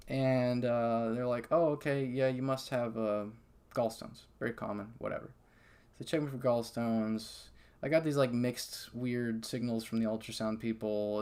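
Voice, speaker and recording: Man, gravelly voice, mid pitch, animated, chatty, first-person story, lots of fillers. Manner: animated, conversational, heavy fillers like "okay?" and "like". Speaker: patient sharing his story.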